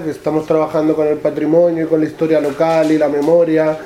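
Halting Manchegan man giving a talk. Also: fairly high pitch, dark tone, a little hiss or hum. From La Mancha, Spain. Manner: halting, repeats words and adds "¿no?" often. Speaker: author presenting his books. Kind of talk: public talk. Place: event room with an audience. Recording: echoey room.

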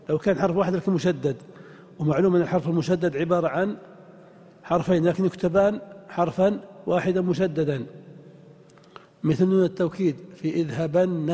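A man teaching a grammar lesson in a deliberate way, spelling out examples and asking the class questions. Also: sits high, dark tone, husky, long reverb tail. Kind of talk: lecture on Arabic grammar.

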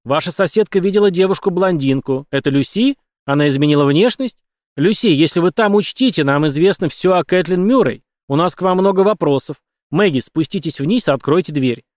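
Narrator playing a loud commanding detective, forceful, dry close sound. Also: male voice, a little high, animated, brisk, dry recording, pitched above the performer's own voice, close to an everyday voice. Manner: loud, commanding, shouting through a door. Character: insistent male police detective.

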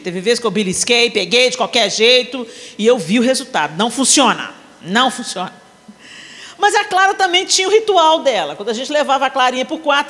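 Brazilian woman preacher, high, animated storyteller, reverberant hall. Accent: Brazilian Portuguese. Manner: animated, acts out family scenes with shifting voices. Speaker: preacher at a women's conference. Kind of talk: sermon with humorous storytelling. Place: large conference hall.

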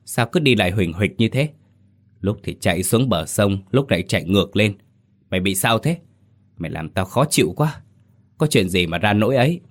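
A man's voice: low voice, normal speed. A man voicing an irritable old blind mother who grumbles and scolds her son in a told story. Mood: grumbling.

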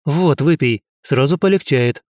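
A man's voice: a little high, measured pace, a little mellow, no room sound, studio quality, natural voice. A man voicing an eccentric undead male ghost scientist who rambles in a matter-of-fact, businesslike way. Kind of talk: audiobook character voice.

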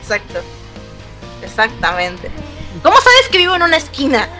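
A woman joining a podcast as a guest, playful and affectionate as she jokes with the hosts. Her voice sits fairly high, with faint music in the background. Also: huge pitch swings, normal speed, sharp tone. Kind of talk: casual chat.

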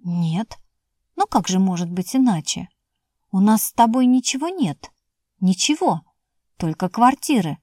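A woman's voice: mid-range voice, lively intonation, measured pace, pauses often, warm tone, dry recording, studio quality. A woman voicing an emotional, pleading young woman who is the narrator's sister, in audiobook dialogue. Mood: defensive.

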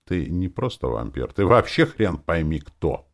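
A man's voice: deep voice, sing-song, measured pace, heavily acted. A man voicing a crude, gloating female demon in an audiobook, with a growling, sardonic way of talking. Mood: mocking. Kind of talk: audiobook character voice.

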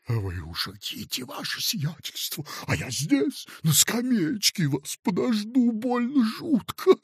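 A man's voice: sits high, sing-song, a little slow, no room sound, studio quality, pitched above the performer's own voice, heavily acted. Man doing a frightened fat fawning fellow. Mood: whispering. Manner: pleading, fawning.

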